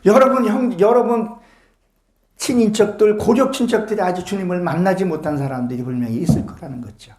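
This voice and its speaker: A man's voice: high-pitched, brisk, a little mellow, echoey room. A male pastor preaching a sermon to his congregation, fervent and full of rhetorical questions. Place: church sanctuary with congregation.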